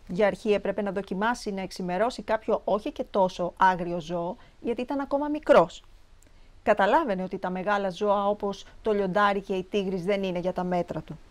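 An actress narrating a children's short story with an expressive, animated reading. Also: female voice, mid-range voice.

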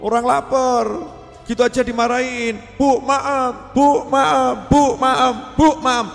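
A man's voice: very high voice, little pitch movement, takes it slowly, creaky, in a large hall, faint music behind, pitched above the performer's own voice, heavily acted. A man voicing a hungry young child who whines and begs his mother for forgiveness. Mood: pleading. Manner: pleading, repeating apologies.

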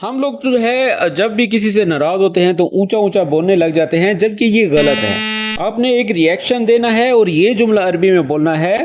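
High-voiced man teaching spoken Arabic. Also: a little mellow. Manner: explains each phrase slowly, then repeats it with acted feeling. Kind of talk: friendly spoken-language lesson with acted phrases.

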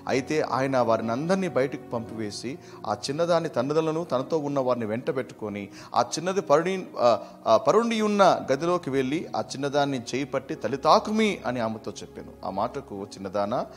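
A man teaching a verse-by-verse Bible study, preaching emphatically and swinging between loud bursts and soft asides. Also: medium pitch, lively intonation, a little fast, soft background music.

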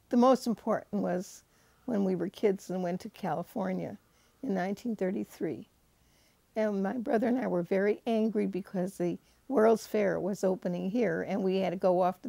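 A woman's voice: medium pitch, normal speed, creaky, warm tone, dry recording. An older woman interviewed for a documentary, reminiscing about her childhood.

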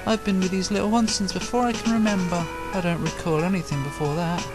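A man's voice: fairly even intonation, fast talker, lightly acted. A man reading a defiant robot girl. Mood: earnest. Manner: reads the game's text boxes aloud, pitched up. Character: tough young female robot girl, protective. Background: loud game music.

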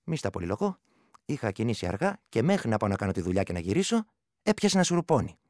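An actor playing a rural Greek soldier who tells a superstitious tale in old village dialect, in a radio play. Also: male voice, fairly low pitch, big pitch swings, no echo, studio quality. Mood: storytelling. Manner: storytelling, rustic dialect, shifting loud and hushed. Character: village man, soldier telling a folk tale.

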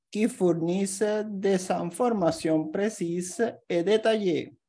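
A woman's voice: mid-range voice, warm tone. A woman giving a scripted grammar lesson as a language teacher, carefully reading out example sentences one by one.

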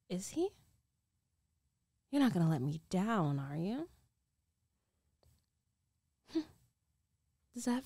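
A woman voices an older, dominant girlfriend for an ASMR roleplay, fully in character, in a soft, dark, slightly high tone with gravelly fry at its edges. She's slow, playful, teasing and giggly, often sinking to a whisper, captured in a dry, studio-quality recording.

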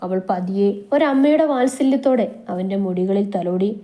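A woman narrating a romantic story in a soft, steady, intimate reading voice. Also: mid-range voice, normal speed.

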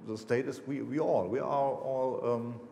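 Seated on a lecture hall stage, this man in his fifties fields audience questions about his books, speaking with a German accent as a native German speaker and stumbling through fillers and restarts. His mid-range voice is dark and unhurried, with vocal fry and fairly even intonation. A little hiss or hum sits under the roomy hall echo.

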